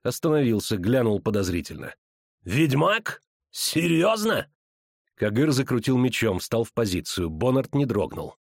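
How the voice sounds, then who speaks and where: A man narrating a fantasy audiobook in a steady, even storytelling voice on a close studio mic. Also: fairly low pitch, a little fast, hardly any pauses, dry recording.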